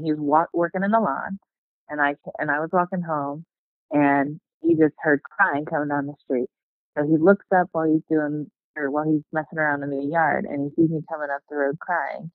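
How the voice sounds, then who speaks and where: Low-voiced woman on a tinny phone line. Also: dry recording. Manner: halting, self-correcting recollection. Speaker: podcast guest, host's sister. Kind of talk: casual storytelling chat.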